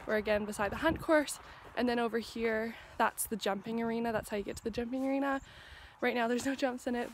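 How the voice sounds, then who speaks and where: A woman in her twenties, her voice fairly high and creaky with a slight hiss or hum, leads a casual walking tour of a farm and barn. She films on a phone held at arm's length, chatting upbeat and pointing things out as she moves from outdoors into the barn.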